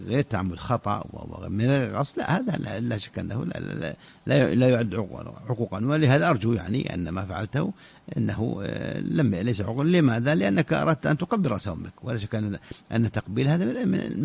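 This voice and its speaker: A man giving religious rulings on a radio show, halting and often repeating words as he searches for the next one, on a dull lo-fi recording. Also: mid-range voice, sing-song, gravelly, darkish tone, breathy edge. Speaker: scholar answering religious questions. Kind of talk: radio fatwa answers.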